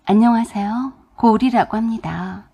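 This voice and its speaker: A woman voicing a timid, slight young woman in her thirties who answers softly and politely, with a husky voice. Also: on the high side, moderate pace. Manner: soft, hesitant and polite.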